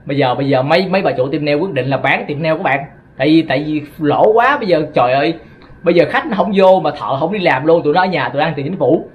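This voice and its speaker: A man from Vietnam with a Southern Vietnamese accent talks straight to his viewers in a rapid, rambling monologue. He keeps stumbling and repeating words as he goes. His voice sits a bit high, and the recording sounds dull and lo-fi. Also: lively intonation. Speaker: vlogger.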